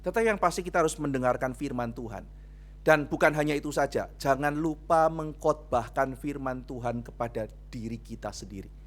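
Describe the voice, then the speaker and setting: A male pastor preaching a sermon at a church youth service, in a lively storytelling manner that keeps turning to address his listeners directly. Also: mid-range voice, fairly quick. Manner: animated storytelling, often addressing listeners as brothers and sisters.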